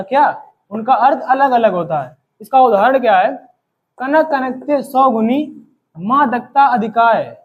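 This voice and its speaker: A man teaching a grammar lesson, explaining each term by asking a question and then answering it, slowing down to recite example verses. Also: very high voice, rough recording.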